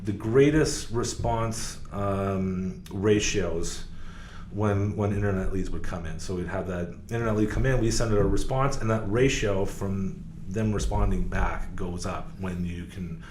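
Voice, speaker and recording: A car sales professional appears as a podcast guest, talking casually and rambling with many fillers and restarts. His low voice is unhurried and a little mellow, recorded in an echoey room with faint background noise.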